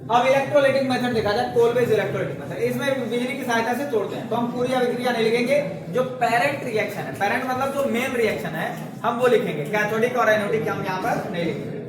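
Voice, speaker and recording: A male teacher with a high voice lectures a class full of chatter, energetic and jokey, often checking that students follow along. He sounds far from the mic in an echoey classroom. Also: quick pace. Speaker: chemistry teacher.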